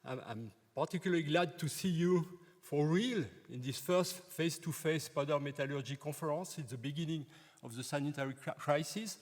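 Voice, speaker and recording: Man, halting welcome. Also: on the high side. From France. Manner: halting, with repeated words. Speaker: conference co-chair, professor. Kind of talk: formal welcome speech. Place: large conference hall. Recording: reverberant conference hall.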